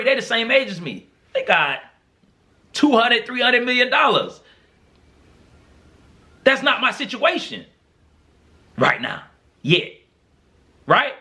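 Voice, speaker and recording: Young male podcast host; earnest motivational speaker, bright and high-pitched. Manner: earnest, encouraging, preacher-like repetition.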